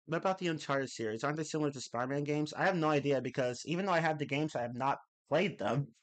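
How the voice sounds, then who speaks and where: Talking fast in a fairly high-pitched voice, a young man chats casually on a live stream as he reads and answers chat. He rambles, corrects himself and swears in passing. His voice is slightly off, lingering from a cold.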